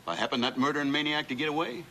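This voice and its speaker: An actor playing a hot-tempered, brusque American posse leader barking orders in a 1960s TV western. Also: male voice, on the high side, very fast, gravelly, bright, forceful tone. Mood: angry, suspicious. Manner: brusque, commanding. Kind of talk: 1960s television western acting. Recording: noisy old TV soundtrack.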